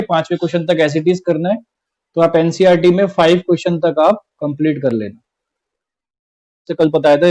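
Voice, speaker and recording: Heard through poor audio, a man with a fairly high, a little mellow voice gives an online class-twelve maths lesson. He works through it one step at a time, going over each key point again and often saying "theek hai".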